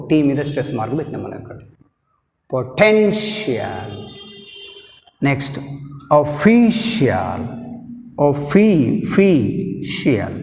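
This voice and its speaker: A man teaches English word stress online with a Telugu accent, stretching every word out very slowly. His pitch sits a little high and swings widely. The recording is roomy, with a long, trailing reverb. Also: darkish tone. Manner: slow, drawn-out word pronunciation with repeated counting of syllables. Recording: echoey room with long reverb.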